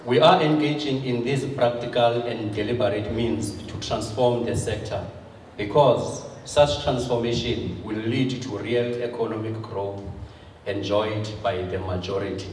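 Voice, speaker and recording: A South African man delivering a formal prepared government speech in measured, short phrases. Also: fairly low pitch, a little mellow. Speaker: government official giving a speech. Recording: echoey hall, distant microphone, faint noise.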